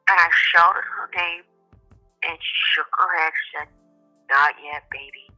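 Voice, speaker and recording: A breathy-voiced woman calling in to a live show over the phone, haltingly telling a personal story. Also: lowish voice, little pitch movement, pushed and bright. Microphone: phone call. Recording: thin phone call audio. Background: faint music.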